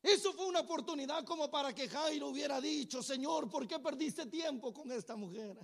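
High-pitched preacher man, shouting and hushing. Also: a little fast, gravelly. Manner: acts out dialogue between apostles, swinging from hushed to shouting. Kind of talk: dramatized sermon storytelling.

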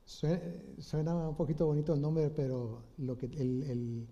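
A man preaching an informal sermon, retelling a Bible story in a halting way with many restarts and rhetorical questions. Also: on the high side, level tone, mellow. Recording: slightly dull lo-fi audio.

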